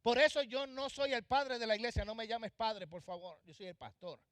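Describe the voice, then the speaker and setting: A man with a fairly high voice delivers an impassioned sermon, rising to loud, urgent exhortation and then dropping to hushed, pointed asides. His voice is dry and close, with little room sound. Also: steady tone, normal speed, no echo. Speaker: pastor. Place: church.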